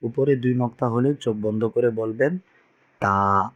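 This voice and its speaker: A man's voice: medium pitch, fairly even intonation, normal speed, mellow, highs cut off. A man teaching Quran reading to beginners, patiently repeating each letter sound for learners to echo. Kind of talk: teaching Arabic letters with call-and-response drills.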